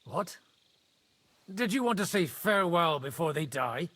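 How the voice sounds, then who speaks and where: An actor playing a dry, teasing soldier sharing a drink with a friend. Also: male voice, fairly high pitch, very animated, unhurried, fairly bright tone, heavily acted. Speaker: game character. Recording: game audio with music underneath.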